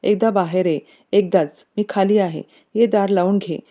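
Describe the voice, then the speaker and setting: A woman voicing a confident, playful young man in love, talking gently, on a dull lo-fi recording. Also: medium pitch, fairly even intonation, normal speed, natural voice. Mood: tender.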